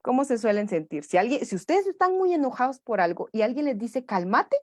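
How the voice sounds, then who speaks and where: A woman's voice: on the high side, sing-song, fast, a little mellow, dry recording, studio quality. A woman neuropsychologist gives a live parenting workshop. She keeps checking in with her listeners and acts out what parents and children say in a livelier voice. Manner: checks in with the audience through repeated tag questions.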